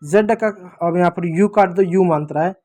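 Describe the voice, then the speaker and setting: A man's voice: high-pitched, normal speed, a little mellow. A man teaching children English phonics in a classroom lesson, patiently repeating sounds and asking questions that he then answers himself.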